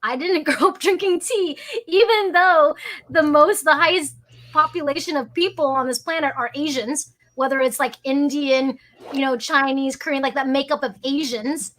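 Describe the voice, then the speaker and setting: A woman from the United States hosting a casual interview, chatty and animated, who says "like" a lot. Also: high voice, moderate pace. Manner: chatty, animated, uses "like" often. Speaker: host.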